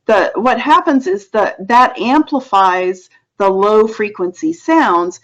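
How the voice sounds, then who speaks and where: Woman psychologist chatting about parenting, lots of "you know"s, kinda dull lo-fi sound. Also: mid-range voice. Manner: conversational, with many fillers and asides. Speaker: child psychologist. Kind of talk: parenting advice talk.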